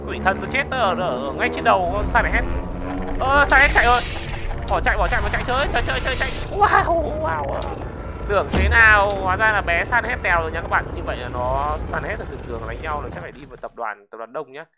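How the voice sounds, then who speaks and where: Excitable game commentator. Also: mid-range voice, fast, music in the background. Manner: excitable, shouts wow, repeats words in bursts. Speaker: gaming channel host. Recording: clear background noise.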